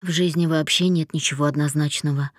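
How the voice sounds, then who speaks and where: A woman voicing a weary middle-aged mother speaking softly and carefully to her daughter, in an audiobook. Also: low-pitched, steady tone, a little fast, dry recording, clean studio sound, pitched below the performer's own voice. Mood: soothing. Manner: soft, careful, hesitant.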